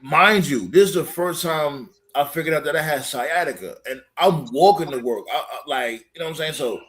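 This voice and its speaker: Animated, profane storytelling man. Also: a little high, a little fast. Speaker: podcast co-host. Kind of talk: casual chat.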